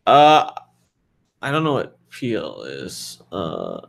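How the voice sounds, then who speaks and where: A man's voice: deep voice, wildly swooping pitch, extremely slow, creaky. A man in his thirties answering viewer questions in a loose, frank, rambling way with lots of fillers. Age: 30s. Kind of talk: casual livestream Q&A.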